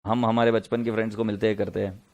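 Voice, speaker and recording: A man's voice: lowish voice, flat delivery, fast, darkish tone, muffled recording. A middle-aged man giving a casual classroom lecture, telling stories and joking with his students. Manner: chatty, joking, mixes Hindi and English. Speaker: accounts lecturer.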